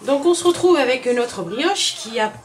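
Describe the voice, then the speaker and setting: An expressive woman with a high voice speaks at a moderate pace in a Southern French accent. She's a chatty home cook giving a casual recipe tutorial in her kitchen, talking directly to viewers and repeating words often.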